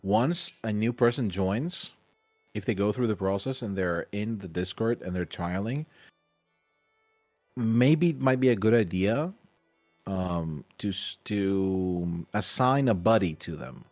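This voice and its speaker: Co-host, male, low voice, rambling and hesitant, dry mic, faint music bed. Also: animated, slow, darkish tone, dry recording. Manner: rambling, hesitant, many restarts. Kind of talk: casual chat.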